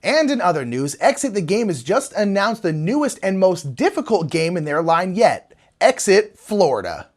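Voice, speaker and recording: A woman's voice: lowish voice, sing-song, normal speed, darkish tone. A woman co-hosting scripted comedic news in the manner of a parody news anchor. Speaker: co-host of a satirical board game news show.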